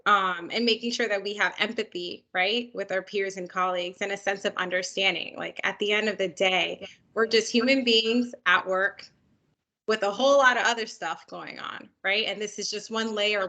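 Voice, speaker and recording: A woman speaking calmly and reflectively as a panelist on a video call. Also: mid-range voice, moderate pace, rough recording. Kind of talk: conversational panel discussion.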